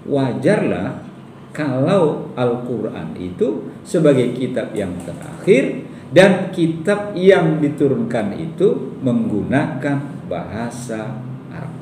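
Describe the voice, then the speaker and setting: A male lecturer talking to a class with lively, rising and falling pitch and a mellow, dark tone. He stresses his points and puts questions to his listeners. The voice sounds echoey and picked up from a distance in a lecture hall, with faint noise behind it. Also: slow. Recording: echoey room from far off.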